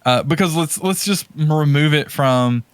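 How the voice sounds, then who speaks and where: A podcast co-host with a fairly high voice speaks a little slowly, his tone clean and the recording free of room sound. He chats casually and tells anecdotes in informal slang, with emphatic, exaggerated, hyperbolic language.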